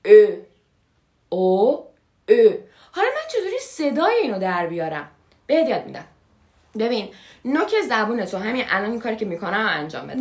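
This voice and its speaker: A woman's voice: fairly high pitch, a bit bright, reverberant. A woman giving a casual video lesson on Turkish vowel sounds, chatty and repeating each sound for the viewer to copy. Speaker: Turkish language teacher.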